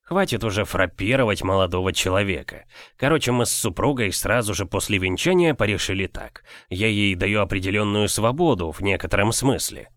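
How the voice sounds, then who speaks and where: A man reading an audiobook, voicing an aging official husband in his fifties, slow, fond and paternal. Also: lowish voice, animated, a bit bright, no room sound, clean studio sound. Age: 50s.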